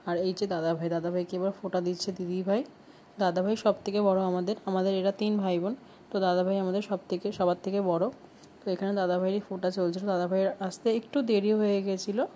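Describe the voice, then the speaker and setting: A woman's voice: mid-range voice, level tone, quick pace, warm tone, slight background noise. Chatty woman narrating her vlog. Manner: chatty, explains family names and relations. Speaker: vlogger.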